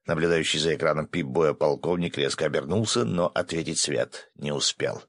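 A man narrating a first-person adventure audiobook, brisk with coarse asides. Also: a bass voice, no room sound, studio quality.

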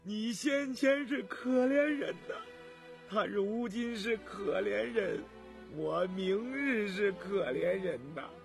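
A man voicing a grief-stricken old male servant who weeps in a hoarse, choked voice. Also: sits high, takes it slowly, faint music behind, pitched above the performer's own voice, full character voice. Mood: wailing. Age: older. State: crying. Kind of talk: storytelling voice acting.

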